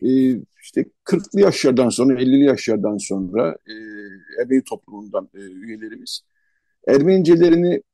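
A male host leading an unhurried conversational radio interview, pausing often and listing places one by one. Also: mid-range voice, expressive, warm tone, no room sound.

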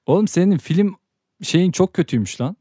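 Young man, podcast co-host, animated storyteller, lively swooping pitch, dry close sound. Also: brisk, no echo. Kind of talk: casual podcast chat.

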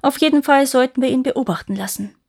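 A woman's voice: sits high, fast talker, gravelly, a little mellow, slightly rough, no room sound, studio quality, pitched above the performer's own voice, exaggerated voice. A woman voicing a distrustful male royal vizier who gives warnings. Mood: suspicious. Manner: suspicious, warning.

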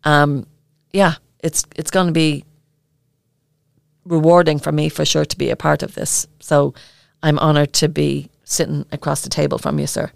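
A woman with an Irish accent co-hosting a podcast, talking earnestly and haltingly with many filler ums. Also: sits low, little pitch movement, gravelly, no echo, clean studio sound. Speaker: podcast co-host. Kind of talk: casual podcast chat.

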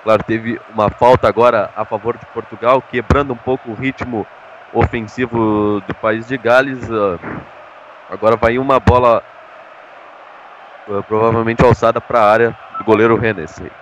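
A man's voice: fairly low pitch, fairly even intonation, moderate pace, a bit bright. A Brazilian man giving conversational football match analysis, often tagging his phrases with a short question. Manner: frequent tag questions. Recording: dull lo-fi audio, clear background noise.

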